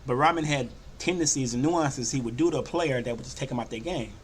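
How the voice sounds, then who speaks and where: An older man hosting a sports podcast, talking casually and loosely, often slipping into animated quoted voices. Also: mid-range voice, quick pace, a little hiss or hum. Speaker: podcast host. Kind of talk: casual sports talk monologue.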